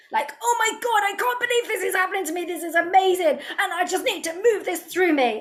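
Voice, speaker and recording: A middle-aged woman coach teaching a casual online workshop, chatty and animated, with lots of fillers and frequent laughs. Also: on the high side.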